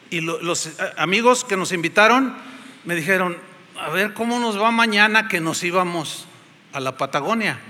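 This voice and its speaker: A man with a Mexican accent preaches a sermon from the pulpit, weaving in a story and acting out its voices. His voice sits high and rings very bright. A long church reverb trails behind every phrase. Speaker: pastor. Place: church hall.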